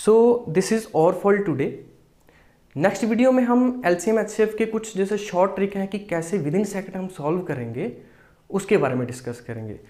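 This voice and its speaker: A man's voice: high-pitched, expressive, moderate pace, warm tone. Man teaching maths step by step. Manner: explains step by step, often checks in with "theek hai"; mixes English maths terms into Hindi. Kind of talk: exam-prep maths lesson.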